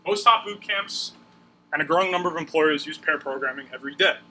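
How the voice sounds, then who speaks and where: A man's voice: a little high, a little fast, pushed and bright. A man with a Long Island accent teaching a class informally, conversational and often checking in with short questions. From Long Island, New York. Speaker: coding instructor. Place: classroom, addressing a group. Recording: noisy echoey room, distant mic.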